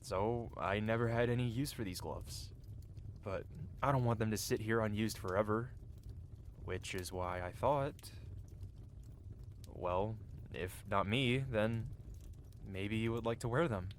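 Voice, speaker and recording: A man with a fairly low, close-to-everyday voice speaks a little slowly and pauses often, with slight background noise. In an intimate, theatrical ASMR fantasy roleplay, he plays a cocky, flirty but tender-hearted medieval blacksmith, teasing with soft hesitations in a caring, earnest one-sided dialogue.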